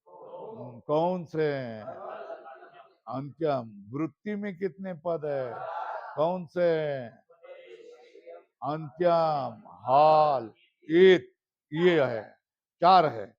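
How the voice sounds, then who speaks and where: A man's voice: a little high, expressive, drawn-out words, pauses often. A man teaching a Sanskrit grammar class, quizzing his students and chanting the terms back in a drill. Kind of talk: classroom lesson with question and answer drills. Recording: slightly dull lo-fi recording.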